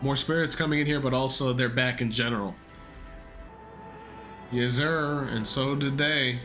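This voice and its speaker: A man hosts a casual reaction with a medium-pitched voice. He talks in slang, exclaims often and swears freely while faint music plays behind him. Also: measured pace, bright, forceful tone. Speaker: reaction video host.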